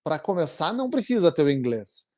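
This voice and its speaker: Earnest Brazilian man, halting storyteller. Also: a little high, big pitch swings, darkish tone. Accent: Brazilian Portuguese. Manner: halting, many restarts, earnest. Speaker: interviewee, immigration client. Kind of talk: emotional conversational storytelling.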